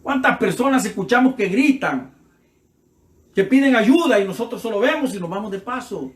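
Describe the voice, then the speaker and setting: A man's voice: high-pitched, expressive, normal speed, echoey room. A man preaching a sermon with passion, acting out the voices in his stories, with a Central American Spanish accent. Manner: impassioned, acts out dialogue in his stories.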